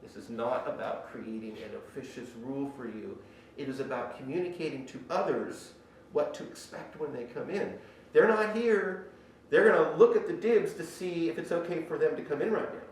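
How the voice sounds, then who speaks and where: A man's voice: on the high side, normal speed. Guy talking thru a face mask giving a shop walkthrough, bit muffled, super echoey room, mic far off. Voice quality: slightly muffled, speaking through a face mask. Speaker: makerspace shop instructor. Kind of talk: informal spoken orientation, explaining rules and equipment. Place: indoor woodworking shop. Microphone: distant microphone. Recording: very echoey workshop, distant mic, faint noise.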